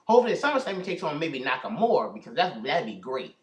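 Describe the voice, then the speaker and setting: Fast-talking young man in an echoey room. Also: fairly high pitch, very animated, lo-fi sound. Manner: rambling, self-correcting, restarts often. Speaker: host of a prediction video. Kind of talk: casual wrestling predictions chat. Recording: echoey room, mic far off.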